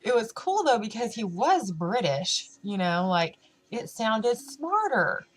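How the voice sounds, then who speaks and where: A woman's voice: fairly high pitch, big pitch swings, slow, husky, poor audio. A woman vlogging in casual chat to camera, rambling with lots of fillers.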